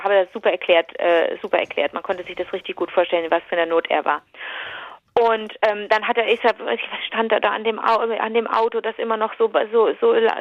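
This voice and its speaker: A woman recounts a long story in relaxed conversation, rambling and lively, full of hesitations and restarts. The sound is dry and slightly dull, like a lo-fi recording. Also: mid-range voice, no room sound. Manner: animated, rambling retelling with many fillers and restarts. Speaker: podcast co-host telling an anecdote. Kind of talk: casual storytelling chat.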